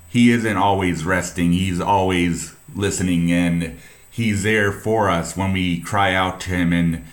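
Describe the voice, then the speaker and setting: Slow, deep-voiced man preaching earnestly. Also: reverberant. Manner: halting, many restarts and fillers, earnest. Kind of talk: informal sermon retelling a Bible story.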